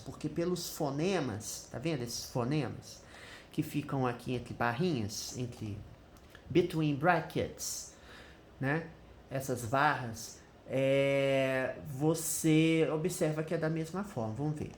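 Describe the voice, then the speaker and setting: A woman's voice: sits low, darkish tone, reverberant, a little hiss or hum. A Brazilian Portuguese-accented woman teaching English in a screen-share lesson, thinking aloud and checking in with the viewer often.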